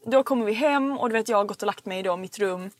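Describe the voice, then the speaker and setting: A young woman, a podcast host animatedly telling a story in casual chat. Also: mid-range voice. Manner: animated storytelling, acting out screams and quotes.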